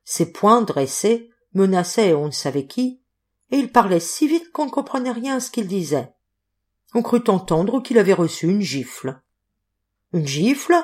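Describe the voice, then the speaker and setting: A woman narrating a classic novel as an audiobook reader, in a clear, steady reading. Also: mid-range voice, normal speed. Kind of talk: literary narration.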